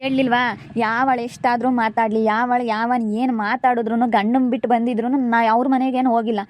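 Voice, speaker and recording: A woman's voice: a little high, flat delivery, fairly quick, darkish tone, a little hiss or hum, close to an everyday voice. A woman with a rural central Karnataka Kannada accent playing a devoted younger sister who pleads insistently with her crying elder sister, in an amateur village drama. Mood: pleading.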